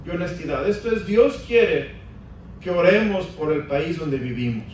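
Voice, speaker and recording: High-voiced pastor preaching in an echoey church. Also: male voice, expressive, moderate pace, darkish tone, slight background noise. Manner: preaching with emphatic rises, addressing the congregation as brothers. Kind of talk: Spanish-language sermon. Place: large church hall. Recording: echoey church hall from a distance.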